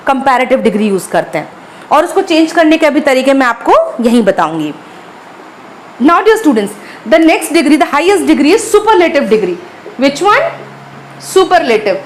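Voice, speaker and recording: A woman teaching a grammar lesson. She mixes Hindi and English, says example words slowly and often checks in with her students. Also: high voice, big pitch swings, slight background noise, poor audio.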